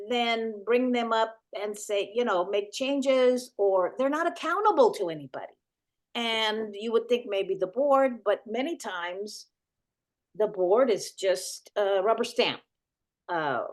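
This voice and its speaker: Earnest woman explaining with many restarts. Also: a little high. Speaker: podcast co-host and elected county board member. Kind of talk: casual explanatory talk.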